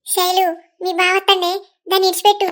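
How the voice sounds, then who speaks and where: A woman's voice: extremely high pitch, flat delivery, fairly quick, a bit bright. A woman voicing a bossy village mother-in-law. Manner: bossy scolding. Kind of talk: cartoon voice acting.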